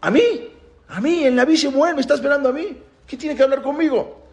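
A man voicing a young shepherd man, astonished and humble, in a high excited questioning voice. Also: brisk.

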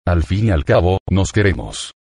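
A man's voice: deep voice, very animated, normal speed, gravelly, darkish tone, no room sound, heavily acted. A man reading the lines of a cocky young pick-up artist, playful but plainly read.

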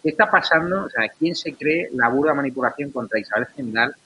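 A male talk show host with a Spanish accent from Spain leads a political panel. His voice is bright and forceful. He talks briskly and indignantly as he turns from one guest to the next. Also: medium pitch, slightly rough, highs cut off.

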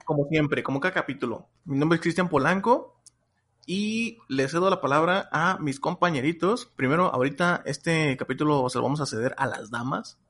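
A man's voice: a little high, normal speed, fairly bright tone. A young adult man with a Mexican accent hosting a podcast in a casual, chatty style. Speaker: podcast host.

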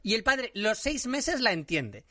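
A man from co-hosting a comedy podcast, talking animatedly and breaking into loud rants. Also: sits high, a little slow, distant mic, crowd noise. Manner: animated, rants and shouts when impersonating. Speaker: podcast co-host.

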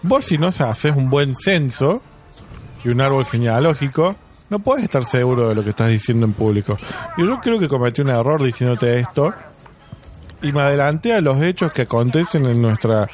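A man's voice: medium pitch, expressive, normal speed, a little mellow. A young man with an Argentine accent, co-hosting a casual podcast and joking around with his friend. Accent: Argentine Spanish. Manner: joking, mimics friends with exaggerated voices. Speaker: podcast co-host.

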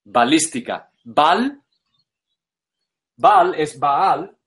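A man with a fairly high voice speaks very slowly, lecturing with a foreign speaker's care. He hesitates, repeats single words and gropes for vocabulary mid-sentence. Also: lively intonation, a bit bright. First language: English. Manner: halting, repeats words, searches for Spanish words. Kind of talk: slow explanatory lecture.

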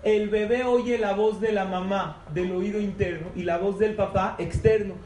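A man's voice: high-pitched, steady tone, moderate pace, darkish tone. A man giving a humorous lecture to a live audience, often asking them questions. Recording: echoey hall from far off, noisy.

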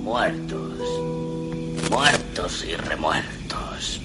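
An actor playing a gloomy ghost who speaks in a deep, whispery voice, from a dubbed movie clip. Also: male voice, lively intonation, drawn-out words, exaggerated voice. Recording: movie clip with music behind.

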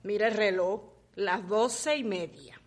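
Stern, dry woman, slow reproach. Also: medium pitch. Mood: reproachful. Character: stern adult woman scolding a late sleeper.

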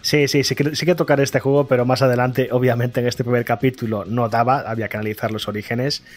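A man answers questions on a gaming podcast in a measured, thoughtful way. His pitch is middling, and faint music plays underneath. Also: little pitch movement. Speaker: podcast co-host. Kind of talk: casual chat.

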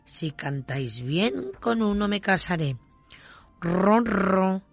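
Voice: medium pitch, moderate pace, dry recording, faint music behind, lightly acted. A storyteller voicing a tidy, house-proud young female mouse in a sing-song storybook reading.

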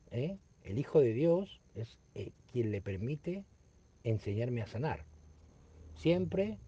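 A man, reading a spiritual text aloud and explaining it in an unhurried, reflective way that repeats phrases. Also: medium pitch, dark tone, husky. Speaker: spiritual study teacher. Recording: dull lo-fi recording.

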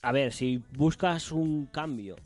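A man's voice: medium pitch, takes it slowly, darkish tone, soft background music. A man from Spain chatting casually about football as a podcast co-host, talking freely and laughing often.

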